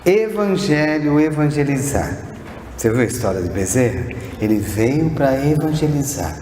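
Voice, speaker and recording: A man's voice: medium pitch, lively intonation, moderate pace, mellow. Brazilian man, spiritist lecture, rhetorical questions, echoey hall, faint noise. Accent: Brazilian Portuguese. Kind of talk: sermon-like lecture.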